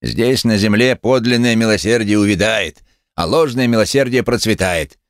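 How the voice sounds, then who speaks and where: A man's voice: lowish voice, sing-song, moderate pace, dry recording, clean studio sound, voice pushed up. A man voicing a sneering one-legged male cynic who speaks with mocking contempt. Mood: scornful.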